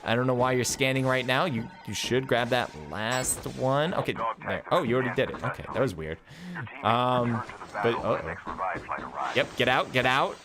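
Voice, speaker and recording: A man doing live play-by-play commentary on an esports match, calling action quickly and excitedly with chatty asides to himself. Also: medium pitch, over music. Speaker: esports caster. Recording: game gunfire and vehicles behind voice.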